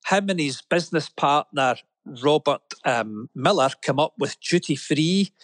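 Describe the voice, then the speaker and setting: A man co-hosts a business talk radio show from a studio. He speaks a little higher than most men and tells his stories in an earnest, admiring way. The sound is close and dry. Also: animated, unhurried, fairly bright tone, dry recording. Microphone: studio microphone.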